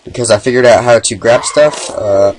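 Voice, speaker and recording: A young man with the hiccups giving casual gameplay commentary, mumbling asides and then yelling and swearing when things go wrong. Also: mid-range voice, moderate pace, noisy background. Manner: swings from mumbled asides to sudden swearing shouts. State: has the hiccups.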